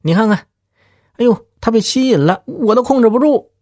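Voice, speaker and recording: A man's voice: very high voice, normal speed, gravelly, pushed and bright, pitched above the performer's own voice, exaggerated voice. A man voicing a shameless village scoundrel with a wheedling, mocking, whiny way of talking.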